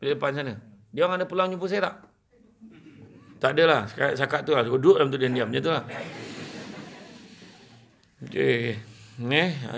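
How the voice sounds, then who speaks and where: A Malaysian man, a preacher, telling funny stories to a live audience in a chatty, animated way, often laughing as he talks. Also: medium pitch, creaky. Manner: animated, chatty storyteller who often laughs while talking. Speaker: Islamic preacher. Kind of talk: humorous storytelling talk to a live audience.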